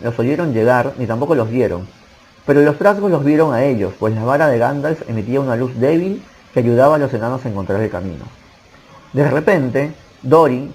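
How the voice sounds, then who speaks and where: A man narrating an audiobook in a steady storytelling manner. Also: medium pitch, breathy edge, poor audio. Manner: steady storytelling reading, occasional slips. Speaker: audiobook reader.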